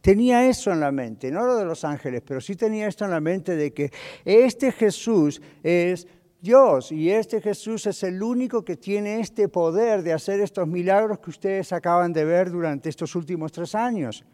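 A middle-aged male pastor preaching a sermon, animated and full of rhetorical questions. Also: high-pitched, normal speed. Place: church hall. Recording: long hall reverb.

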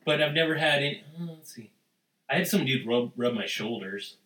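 Bright-voiced man, rambling casual chat. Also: expressive, a little fast, echoey room, recorded from a distance, rough recording. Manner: rambling, crude, acts out quotes in a high voice.

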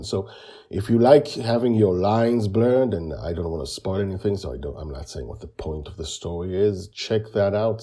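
A man hosting a podcast introduction, his voice raspy, worn out and hoarse from the flu. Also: low voice, mellow. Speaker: podcast host.

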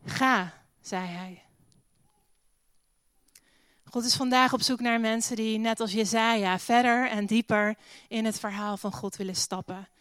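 A woman's voice: a little high, steady tone, moderate pace, hardly any pauses, fairly bright tone, smooth, clean studio sound. A woman preaching a sermon in a church hall, earnest, reading scripture aloud and leading a prayer, with an occasional English phrase.

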